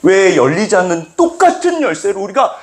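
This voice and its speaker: A middle-aged man preaching a sermon as pastor, acting out little dialogues with sudden jumps in pitch. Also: big pitch swings, brisk, reverberant. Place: church sanctuary.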